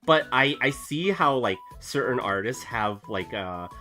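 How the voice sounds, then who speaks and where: A man with an expressive, medium-pitched voice talks a little slowly while streaming himself drawing. Recovering from a cough, he chats casually and rambles with many fillers and restarts, soft music behind him.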